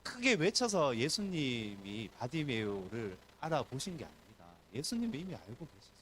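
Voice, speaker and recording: A man's voice: mid-range voice, moderate pace, a little hiss or hum. A man, a pastor, preaching a sermon at a church service and acting out the voices in the story. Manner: animated preaching, acts out crowd and beggar voices.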